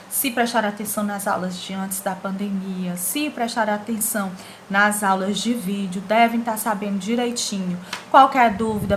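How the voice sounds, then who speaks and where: A woman's voice: mid-range voice, fairly bright tone, slight background noise. A woman with a Brazilian accent teaching a grammar lesson to young schoolchildren. She speaks patiently and asks the class questions that she then answers herself. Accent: Brazilian Portuguese. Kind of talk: recorded remote grammar lesson for children.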